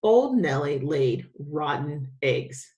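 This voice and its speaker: Speaking slowly in a deep voice, a woman reads a children's story as a teacher would, giving it an expressive, dramatic delivery.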